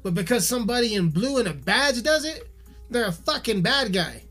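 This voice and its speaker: A man's voice: extremely high pitch, lively intonation, normal speed, pushed and bright. A man giving a heated, profanity-filled video rant, swearing constantly and repeating himself, with faint music behind him. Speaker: musician ranting on camera.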